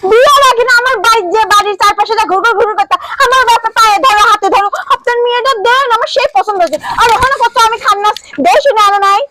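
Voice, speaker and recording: A woman playing a shrill, nagging village wife. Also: heavy background noise. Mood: scolding. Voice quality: scolding, rapid-fire. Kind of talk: comic short-film acting.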